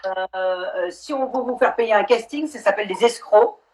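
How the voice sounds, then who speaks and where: A middle-aged actress hosting a casual live stream, talking frankly and swearing now and then over a video call. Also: female voice, medium pitch, moderate pace, darkish tone, a little hiss or hum.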